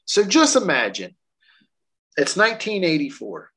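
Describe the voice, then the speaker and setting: Lively slow-talking man telling a story. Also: fairly high pitch, slightly rough. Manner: excitable, laughs often, swears casually. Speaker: podcast co-host. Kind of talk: casual storytelling chat.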